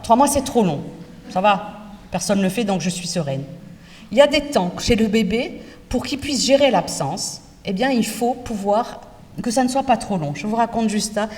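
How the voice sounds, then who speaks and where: Woman lecturing in an echoey hall. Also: medium pitch. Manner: lively, addresses students directly with rhetorical questions. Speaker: lecturer in teacher training. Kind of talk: university lecture. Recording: echoey lecture hall from far off, faint noise.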